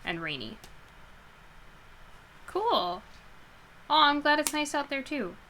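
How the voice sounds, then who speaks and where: Before doing a book reading, a woman talks loosely with her live stream audience from her bedroom, rambling and quick to laugh. Her high voice is very animated yet slow, pushed, bright and slightly nasal. She's on a headset while wearing headphones, with a little hiss or hum audible.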